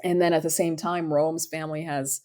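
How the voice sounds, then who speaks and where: A woman in her thirties from Sudan speaks in a low, deep register. She talks through her career in an upbeat, chatty interview style, with plenty of ums and restarts. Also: little pitch movement, moderate pace, darkish tone. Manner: upbeat, enthusiastic, frequent fillers. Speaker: startup founder, guest. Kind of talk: conversational interview answers.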